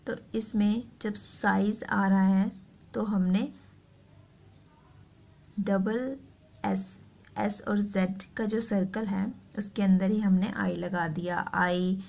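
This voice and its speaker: A woman teaching shorthand, explaining slowly and repeating each word as she writes it out. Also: mid-range voice, fairly even intonation, creaky, darkish tone. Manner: slow, repeats words while writing. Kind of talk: explaining a lesson.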